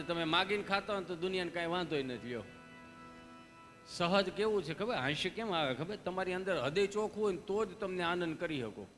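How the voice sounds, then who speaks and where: A man's voice: high-pitched, fairly bright tone, big-room sound. A man with a Kathiawadi Gujarati accent performing a live stage comedy monologue, telling folksy stories with preachy asides. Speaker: stand-up comedian.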